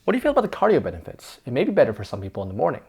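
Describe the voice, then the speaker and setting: A man's voice: mid-range voice, wildly swooping pitch, racing, creaky, darkish tone, husky. A man playing several versions of himself in a scripted, conversational debate, arguing back and forth with himself. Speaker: host of an explainer sketch.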